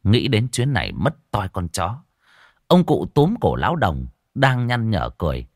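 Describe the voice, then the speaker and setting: A man's voice: fairly low pitch, a little slow, no echo, clean studio sound. A man telling a comic village story, acting out all the voices. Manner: lively, acting out many voices.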